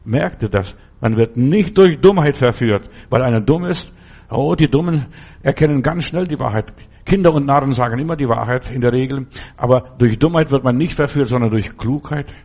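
An older man gives a sermon in an earnest, exhorting manner. He repeats his warnings over and over and often breaks off and restarts his words. His voice sits at an ordinary middle pitch for a man. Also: fairly quick, darkish tone, husky, lo-fi sound. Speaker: preacher.

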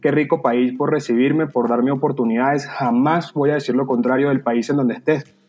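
A man's voice: medium pitch, steady tone, normal speed, darkish tone, breathy edge. A young Venezuelan man with a Venezuelan accent, talking earnestly and at length as a podcast guest. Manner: talkative, earnest, slips into playful voices. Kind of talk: casual podcast chat.

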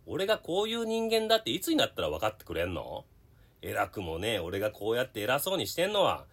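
Woman as an insecure fake-Kansai radio co-host uncle, low voice, huskily mumbling, in a comedy radio sketch. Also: fairly bright tone, exaggerated voice. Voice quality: mumbling, hesitant, gruff when annoyed. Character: timid middle-aged male radio co-host, insecure.

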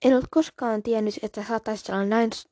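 A woman's voice: on the high side, fairly even intonation, mellow, no room sound, clean studio sound, lightly acted. A woman voicing an angry tomcat who protects the kits in a storybook reading, speaking sharply and accusingly. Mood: indignant. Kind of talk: audiobook reading.

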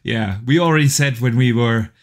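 A man's voice: mid-range voice, moderate pace. Upbeat male podcast host. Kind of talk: casual podcast chat.

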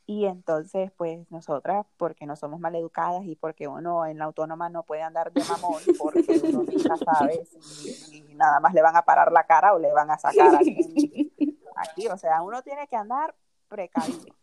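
A young woman hosting a podcast, casually telling a personal story in an animated way, often laughing along. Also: fairly low pitch, normal speed. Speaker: podcast host.

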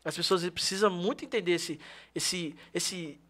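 High-voiced podcast host. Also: male voice, normal speed, a bit bright. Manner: emphatic, preachy, tag questions. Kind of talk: casual podcast conversation.

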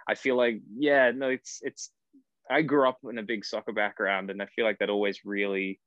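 A man's voice: fairly low pitch, level tone, moderate pace, a bit bright, no room sound. An Australian man in his early thirties, an actor from far north Queensland, chatting as a podcast guest in a rambling, self-correcting way over a video call. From Cairns, far north Queensland, Australia. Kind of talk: casual podcast interview. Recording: dry, dull lo-fi call audio.

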